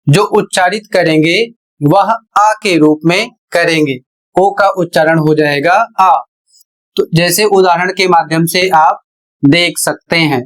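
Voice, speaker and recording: Slow, deliberate male teacher. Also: high voice, fairly bright tone, rough recording. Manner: deliberate, repeats phrases, stretches key sounds. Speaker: English pronunciation teacher. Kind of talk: slow explanatory lesson.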